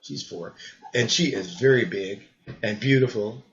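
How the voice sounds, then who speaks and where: Older man on dull old camcorder audio. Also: lowish voice. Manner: repeats words, halting restarts. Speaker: health supplement presenter. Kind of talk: rambling spoken talk.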